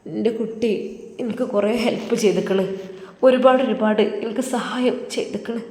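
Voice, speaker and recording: A woman puts on a frail, elderly religious teacher over sixty who speaks in a gentle, fond Malabar village dialect. His tone stays soft and caring. The voice rings through a very echoey room with long reverb. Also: medium pitch, moderate pace, close to an everyday voice. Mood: tearful blessing. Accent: Malabar Malayalam.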